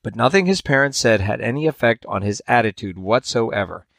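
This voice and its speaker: A man hosting a podcast, reading a fable aloud in a measured storytelling way, with dramatic swings in pitch and loudness. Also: expressive, vocal fry, no echo, studio quality. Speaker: podcast host.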